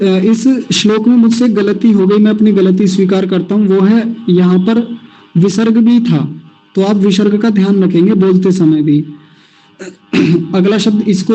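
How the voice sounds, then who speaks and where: A man teaching Sanskrit verse pronunciation in an online class, slowly drilling each syllable and having students repeat after him. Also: sits high, warm tone, dull audio. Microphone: video call.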